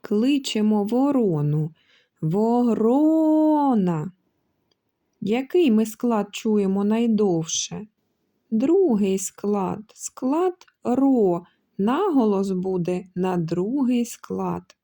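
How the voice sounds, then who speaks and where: A woman teacher speaks slowly and gently in a warm, mellow voice. She pronounces every syllable with care for small children and now and then calls out a word, stretching it long. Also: mid-range voice, lively intonation. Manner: drawn-out syllables and calling out words to show stress. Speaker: kindergarten teacher. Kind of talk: slow, carefully articulated lesson for young children. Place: kindergarten lesson recording.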